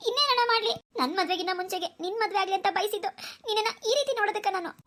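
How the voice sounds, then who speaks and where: A woman's voice: very high-pitched, racing, bright, forceful tone. A woman voicing a young woman in a cartoon, an emotional younger sister pleading through tears. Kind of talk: cartoon voice acting.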